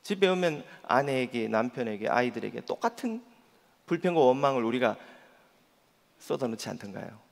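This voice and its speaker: Gravelly pastor preaching in a reverberant church. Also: male voice, mid-range voice, big pitch swings, fairly quick. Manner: earnest preaching with rhetorical questions. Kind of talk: sermon. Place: church sanctuary.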